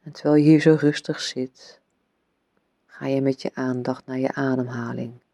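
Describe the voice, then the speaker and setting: A man leading a guided meditation in a soft, soothing voice, with gentle instructions and unhurried pauses between phrases. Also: mid-range voice, flat delivery, vocal fry, no room sound.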